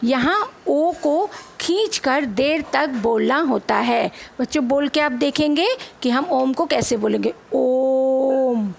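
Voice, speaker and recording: Slow-spoken, high-voiced Hindi teacher woman. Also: expressive, vocal fry. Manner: slow, deliberate, spelling out letters one by one; asks the children questions, then answers them herself. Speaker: school teacher. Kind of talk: classroom lesson for children.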